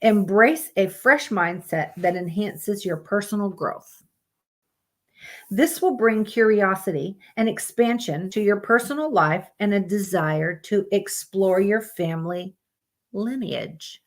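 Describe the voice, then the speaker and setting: A woman with a mid-range voice and measured pace reads out monthly horoscopes on a live stream. She keeps it casual and plain, interrupting herself with blunt asides full of swearing.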